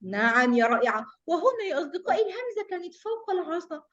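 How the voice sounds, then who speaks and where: High, sing-song teacher. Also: female voice, big pitch swings, very fast, fairly bright tone, dull audio, a little hiss or hum. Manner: affectionate, sing-song, encouraging. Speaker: kindergarten teacher. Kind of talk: online class for small children.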